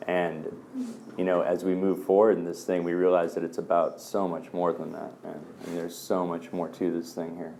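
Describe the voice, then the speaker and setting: A man with a low voice shares stories at a meeting in an easygoing, rambling way. He drops in fillers and calls the listeners "man". A faint background noise sits under his voice. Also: level tone, moderate pace, creaky, warm tone. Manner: loose storyteller, fillers like "man" and "um". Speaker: speaker sharing at a recovery meeting. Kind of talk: casual personal talk.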